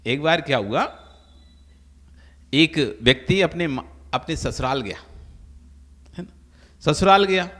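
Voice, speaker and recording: A Jain monk preaches a sermon in a preaching hall, telling everyday stories and acting out the quoted voices of their characters. His voice is fairly high, animated and fairly bright, delivered slowly with long pauses. The recording has a long hall reverb.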